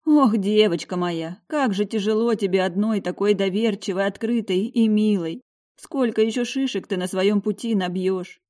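A worried, loving mother, voiced by a woman narrating an audiobook pleads and cautions in a coaxing, protective way. Her voice sits clearly above the narrator's own register. The tone stays soft and mellow. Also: medium pitch, normal speed, voice pushed up, lightly acted. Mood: tender, soothing. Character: worried, tender middle-aged mother. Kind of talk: audiobook character voice.

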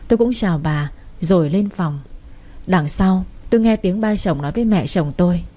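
Woman storyteller, soft dark timbre, keeps one steady voice for the whole cast. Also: on the low side, normal speed. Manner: reads every character in her own voice, with little change. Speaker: story narrator. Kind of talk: narrating a romance story.

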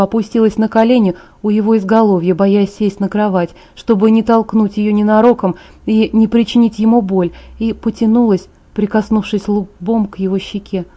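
A woman narrating a novel in the first person, calm and unhurried. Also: mid-range voice, highs cut off. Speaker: audiobook narrator.

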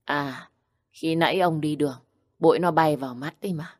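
A woman voicing a kind old grandfather who speaks in a calm, comforting way. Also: sits low, moderate pace, no echo, studio quality. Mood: reassuring.

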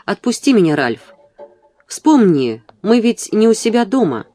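Reader doing a scared quiet young wife, murmuring and pleading, dry close sound. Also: medium pitch, sing-song, unhurried, no room sound, pitched above the performer's own voice. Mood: timid. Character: timid frightened young wife.

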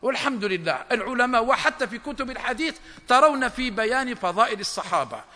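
High sharp voiced man preaching hard, shouts his points, trips and restarts, big hall echo. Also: sing-song. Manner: impassioned, rising to shouts at key points; halting restarts and repeated phrases. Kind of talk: sermon. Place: lecture hall. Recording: long hall reverb.

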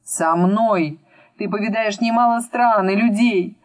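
A woman's voice: mid-range voice, unhurried, no room sound, pitched above the performer's own voice, natural voice. A woman reading an old, sly male villain sorcerer who speaks in a mocking, commanding way. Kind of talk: audiobook reading.

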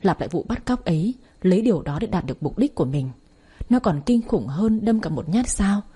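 A woman's voice: mid-range voice, sing-song, a little fast, mellow, husky. A woman narrating a first-person audio story in an emotional, heartfelt reading.

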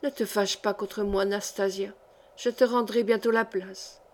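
Woman voicing a hoarse, dying old coachman. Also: on the high side, fairly even intonation, normal speed, natural voice. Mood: faint. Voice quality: hoarse, faint.

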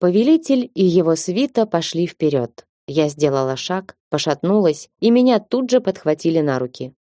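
Mellow woman reading an audiobook. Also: on the low side, normal speed, dry recording, clean studio sound. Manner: lively, ironic storytelling. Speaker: audiobook narrator. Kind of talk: first-person audiobook narration.

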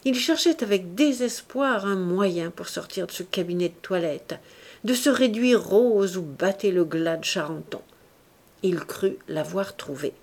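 A woman reading a classic novel aloud as an audiobook narrator, in a clear, steady storytelling way. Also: lowish voice, a little slow. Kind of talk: scripted narration.

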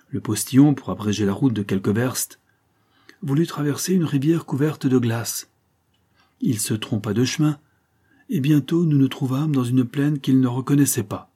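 A man reading an audiobook, voicing a guilt-ridden young officer telling his story in a husky, earnest way. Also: medium pitch, mellow, close to an everyday voice. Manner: confessional, earnest.

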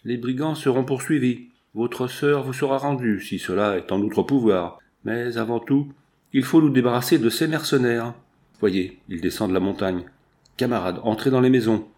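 A male reader plays an imposing rebel leader with a firm, commanding manner. He gives brisk orders in a mid-range tone, close to a plain audiobook reading. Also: medium pitch, a little mellow, lightly acted.

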